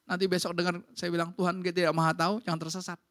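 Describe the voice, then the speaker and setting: A woman pastor preaching a sermon in a church, talking in a lively, conversational way straight to the congregation. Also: lowish voice, fast.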